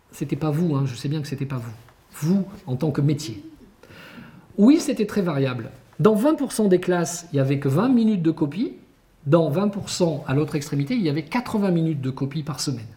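A man giving a conference lecture to teachers as an education researcher, talking in an animated, emphatic way and posing rhetorical questions to the room. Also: a little high.

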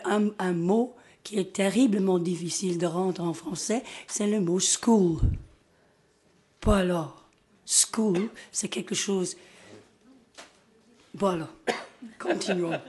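Slow, halting Scottish woman speaking accented French. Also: on the low side, a little mellow. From Scotland. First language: English. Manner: halting, searching for words in a second language. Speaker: invited guest speaker. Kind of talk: informal presentation to colleagues.

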